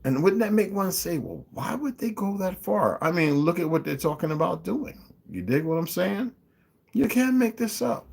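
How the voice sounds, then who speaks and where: On his own channel, a man with a fairly high, creaky, slightly breathy voice shares his opinions casually, reading out figures and urging the audience to follow along. His asides are emphatic and often mocking.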